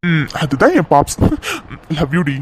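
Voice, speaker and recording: A man's voice: fairly high pitch, very animated, unhurried, noisy background. A man voicing a loving young groom in a cartoon, soothing and coaxing his frightened fiancée.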